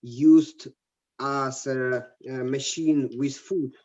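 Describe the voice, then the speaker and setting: A male student retelling a film scene in class, halting with many fillers, over muffled video-call audio. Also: mid-range voice, steady tone, a little mellow.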